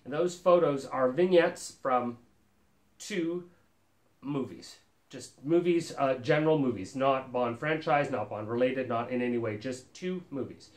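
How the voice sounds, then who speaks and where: A man's voice: medium pitch, unhurried, reverberant. A man in his forties hosting a casual collector vlog at home, enthusiastic and rambling with plenty of fillers. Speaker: collector channel host. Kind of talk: casual show-and-tell vlog. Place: living room with a lit holiday tree, indoors.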